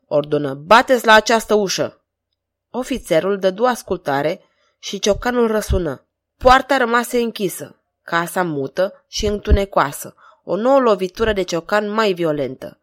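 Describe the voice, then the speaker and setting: Audiobook narrator, woman, measured dramatic delivery, volunteer reader. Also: medium pitch.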